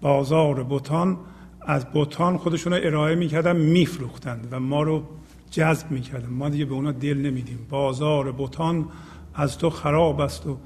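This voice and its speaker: A man of middle pitch leads a spiritual talk, reciting classical verses and then explaining them line by line. His delivery is unhurried and repetitive, circling back to key phrases. The recording carries a long room reverb and a faint background hum. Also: darkish tone. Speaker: host explaining Rumi poetry.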